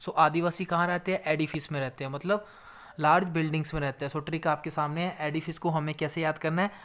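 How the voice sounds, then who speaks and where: Steady, flat-voiced man teaching vocabulary. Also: a little high, fast, clear, resonant tone. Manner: explains patiently, repeats key points with "theek hai". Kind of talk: Hinglish exam-prep vocabulary lesson.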